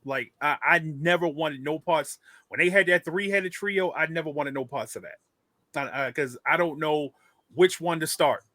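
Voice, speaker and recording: Casting: man, co-host, emphatic and repetitive, bright forceful tone, dry close sound. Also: fairly high pitch, moderate pace, no echo. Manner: animated, emphatic, swearing, repeats phrases. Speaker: podcast co-host. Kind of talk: casual sports chat.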